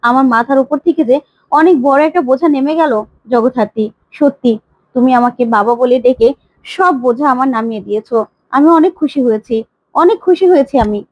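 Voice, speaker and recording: A woman's voice: sits high, animated, fairly quick, darkish tone, dry recording, low-quality recording. Woman voicing a pleading older father figure. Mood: overjoyed. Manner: pleading, repeats his plea. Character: emotional older man longing to be called father.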